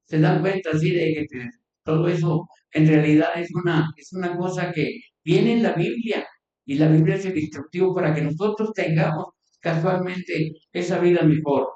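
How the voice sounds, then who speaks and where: A man's voice: high voice, steady tone, normal speed, darkish tone. A man preaching a sermon in a loose, conversational way, often restarting words. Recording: distant echoey church recording, dull sound.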